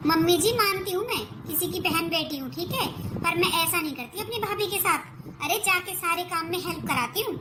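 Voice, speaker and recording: A woman's voice: very high-pitched, expressive, fairly quick. A woman voicing a put-upon young daughter-in-law in a cartoon, arguing reasonably. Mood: pleading. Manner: pleading, reasonable. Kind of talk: cartoon voice acting. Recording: noisy recording.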